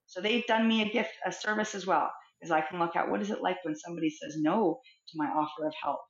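Lower-voiced woman in a roomy, dull recording. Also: fast. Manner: expressive, reflective, acts out little scenes. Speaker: guest, counsellor. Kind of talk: conversational interview.

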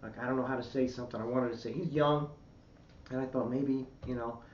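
A man's voice: medium pitch, steady tone, brisk, recorded from a distance. A man talking as a comedian guest on a podcast, reflective and searching for words, often repeating himself. He sits away from the mic in a roomy space, and the sound is dull and lo-fi with faint hiss under it. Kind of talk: casual podcast interview.

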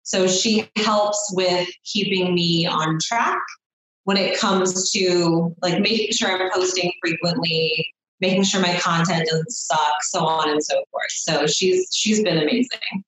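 A woman's voice: fairly low pitch, fairly even intonation, measured pace, a bit bright. A woman in her thirties, a chiropractor guest on a podcast, chatting casually and rambling with lots of "I mean" and "you know". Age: 30s. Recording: very echoey room.

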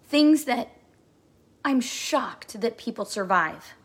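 With a husky, rather high voice and lively intonation, this podcast host and coach in her forties talks at a slow pace. She delivers an emphatic, repetitive motivational monologue that is sometimes emotional.

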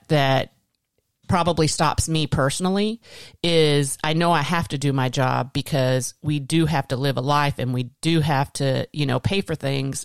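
A woman hosts a podcast in casual talk. Her voice is very clear and smooth, and it is recorded dry with no room around it. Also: deep voice, dry recording. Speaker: podcast host.

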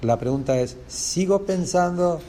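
A man's voice: high-pitched, expressive, a little slow, mellow, slight background noise. Rioplatense man teaching a religious class. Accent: Rioplatense Spanish. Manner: explanatory, with rhetorical questions to the class. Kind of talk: lesson on a religious text.

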